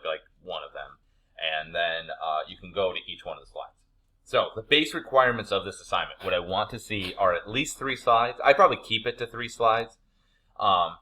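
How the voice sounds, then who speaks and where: A man who teaches an animation class walks through an assignment in an easygoing, colloquial way, keeping his phrasing laid-back and informal. His voice is fairly low with a sharp tone.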